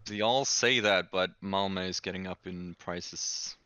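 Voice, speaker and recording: A man's voice: sits low, measured pace, bright, forceful tone, clear, resonant tone, no room sound, highs cut off. A man chatting casually in a joking, playful way. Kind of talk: casual banter.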